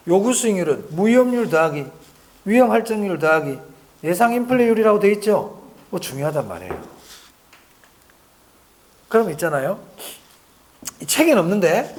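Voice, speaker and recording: Lively high-voiced male lecturer. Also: slight background noise. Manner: conversational, asks the class questions and answers them himself; repeats key points for emphasis. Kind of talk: exam-prep lecture.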